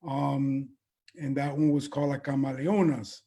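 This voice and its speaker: A veteran event producer in his fifties, born in Colombia and raised in the US, answers interview questions about his own background. His voice is dark and husky at a medium pitch, with a flat delivery. He speaks in short, measured phrases, halting and pausing often between them.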